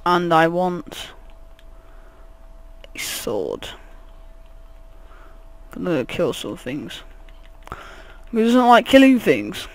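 A man giving rambling, jokey let's play commentary, swearing often. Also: high voice. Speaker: gaming channel host.

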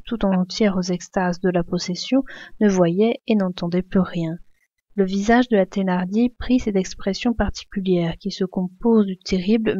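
A woman reading a classic novel aloud, expressively, raising her voice for the characters' shouts. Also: medium pitch, dry recording, muffled recording. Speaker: reader.

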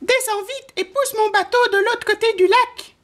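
A woman voicing a small, anxious boy mouse in a storybook, calling the winds in a shrill, urgent voice. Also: normal speed, fairly bright tone.

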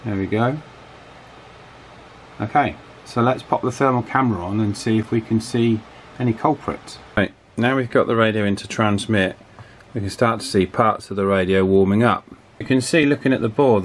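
An electronics repair hobbyist presents a relaxed hands-on repair demo, thinking out loud and hesitating at times. His pitch is fairly low and his speed normal. The setting is a small indoor office workshop, where a table fan's wind noise comes through clearly.

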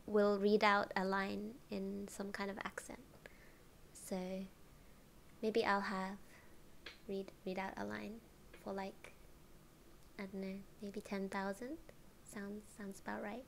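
A woman streamer chatting casually, giggling often and drifting into soft whispers. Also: mid-range voice, fairly even intonation, slow, gravelly, pauses often, a little hiss or hum.

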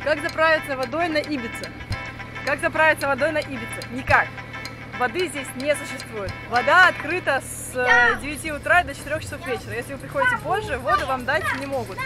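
Woman in her 30s, sailing vlogger, upbeat and chatty, a bit high, camera at arm's length outdoors, loud music behind. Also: lively intonation, brisk. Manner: chatty, upbeat, with hesitant fillers. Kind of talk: casual vlog narration. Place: deck of a sailing yacht at sea, outdoors. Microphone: action camera held at arm's length.

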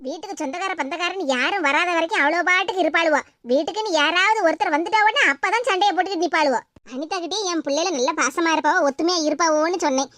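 A woman's voice: very high-pitched, racing, fairly bright tone, no room sound, studio quality. A woman voicing a harried middle-aged village mother of two daughters, with a Tirunelveli accent, explaining patiently in a cartoon. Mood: weary explaining. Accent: Tirunelveli Tamil. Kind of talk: animated cartoon voice acting.

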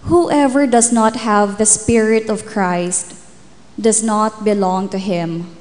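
A woman's voice: mid-range voice, steady tone, slow pace, darkish tone. A woman in her thirties reading scripture solemnly as lector at a lectern microphone in a chapel. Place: chapel, indoors. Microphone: gooseneck lectern microphone. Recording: long chapel reverb.

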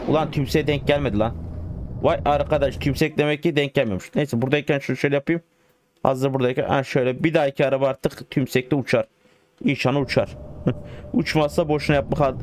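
A man's voice: fairly high pitch, fast, noisy background. A man giving casual, joking commentary over a driving game, talking to the game and to his viewers. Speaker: gaming streamer.

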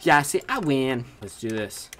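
A teenage gaming video creator commentates his own gameplay at home, reading signs aloud and yelping, shouting and squealing as he wins or dies, until his voice goes hoarse. His medium-pitched voice has a sing-song lilt at a measured pace, captured on a desk mic with a webcam.

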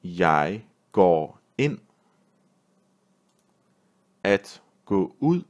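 Danish-accented male teacher, deep voice, measured repeat-after-me word drills. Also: big pitch swings. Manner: reads each word with pauses and repeats it. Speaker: language teacher. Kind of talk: slow vocabulary drill reading.

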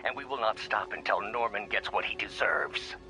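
Casting: male actor as a cold, menacing game villain, lively low delivery, loud score behind. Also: moderate pace, close to an everyday voice, low-quality recording. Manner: cold and threatening. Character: menacing adult male villain scheming revenge. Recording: game soundtrack music behind.

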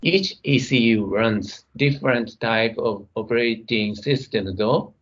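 A middle-aged man giving a technical conference keynote from his computer, speaking in a measured way as he talks through his slides. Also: fairly low pitch, husky, lo-fi sound. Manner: measured, reading slides, some non-native grammar.

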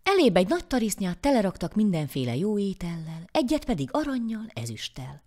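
A woman narrating a folk fairy tale in an expressive, animated storytelling voice. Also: medium pitch.

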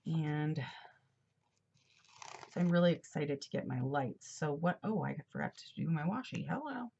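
A planner vlogger with a low, gravelly, mellow voice and slight congestion chats casually while decorating a planner at a desk indoors. She's expressive and moderately paced, rambling with fillers and asides. Her overhead camera mic gives lo-fi sound.

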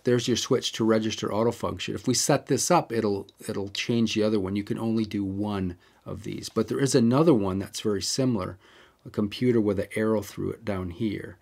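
This camera tutorial host speaks fairly low and a little fast, his voice gravelly, a bit mellow and slightly rough. He keeps things casual and talkative, going through the settings step by step with the odd side-trip.

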